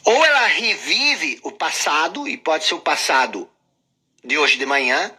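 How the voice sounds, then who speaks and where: Animated, husky-voiced man teaching. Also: fairly high pitch, measured pace. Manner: emphatic, repeats phrases, addresses listener directly. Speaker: teacher of a self-help course. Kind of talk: motivational lesson.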